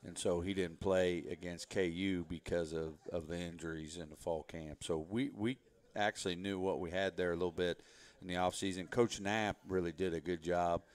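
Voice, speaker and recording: A man speaking as a head football coach in a relaxed interview, rambling a bit as he explains. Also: deep voice, normal speed. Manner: relaxed, rambling, frequent "you know" fillers. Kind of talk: casual interview talk.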